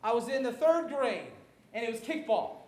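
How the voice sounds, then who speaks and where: A man from Maryland preaching a sermon, animated and self-deprecating, laughing often at his own stories. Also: very high voice, normal speed, echoey room. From Maryland, USA. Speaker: pastor.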